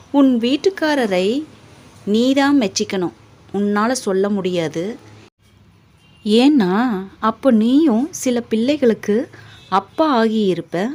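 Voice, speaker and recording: A woman's voice: medium pitch, darkish tone. A woman voicing a mother who teases and scolds her grown son.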